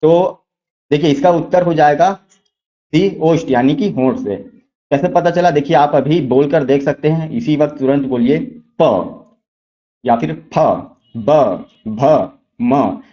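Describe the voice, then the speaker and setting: Male exam-prep teacher, mellow tone, patient step-by-step explanations, lo-fi audio. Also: a little high. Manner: repeats key answers slowly, asks rhetorical questions. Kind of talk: explaining quiz questions step by step.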